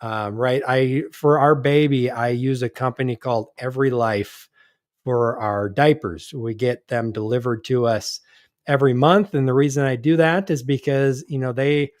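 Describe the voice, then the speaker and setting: A man's voice: mid-range voice, steady tone, moderate pace, no echo, studio quality. A man hosting a live show, chatting casually and reading news items with frequent restarts. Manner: hesitant, restarts often, reads news items aloud. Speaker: podcast host. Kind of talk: casual live-stream chat.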